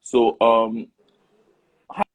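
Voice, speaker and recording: A man hosting a casual live discussion, animated and often restarting his sentences. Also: medium pitch, extremely slow, slightly rough, low-quality recording. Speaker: host.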